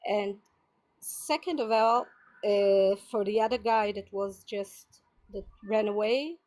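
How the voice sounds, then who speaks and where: A woman's voice: medium pitch, takes it slowly, a little mellow. A woman joining a live stream as a caller, cheerful and friendly, laughing often. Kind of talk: casual chat on a live stream.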